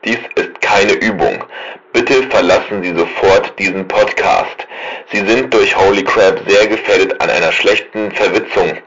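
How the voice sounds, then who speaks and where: A man voicing a stern male police emergency announcer who reads a formal warning, as if over a loudspeaker. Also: low voice, unhurried, husky, muffled recording, exaggerated voice. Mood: stern official.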